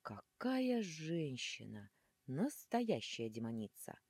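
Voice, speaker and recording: A brash, lovestruck male demon suitor from a fantasy audiobook, put on by a woman reader. He speaks slowly and breathlessly, full of awe, in a low, husky voice with a lively swing. The sound is close and dry. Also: no echo, heavily acted. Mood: smitten.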